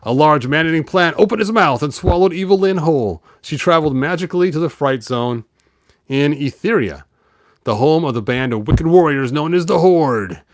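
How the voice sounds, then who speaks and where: The host of a toy and storybook show reads a children's story aloud, his voice on the high side with lively intonation at a normal speed, recorded dry. He keeps breaking off casually for playful, rambling, wry asides, tossing in sound effects and dry remarks along the way.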